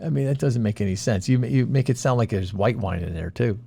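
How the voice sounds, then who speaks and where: A man's voice: medium pitch, fairly quick, gravelly, warm tone, slightly rough. A man co-hosting a casual chat, blunt and skeptical, scoffing in disbelief. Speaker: podcast co-host.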